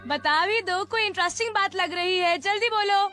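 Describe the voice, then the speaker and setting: Curious cartoon kid: piping, excitable, exclaiming, with clear music underneath. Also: female voice, extremely high pitch, normal speed. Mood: curious, incredulous. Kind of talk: Hindi cartoon dub acting.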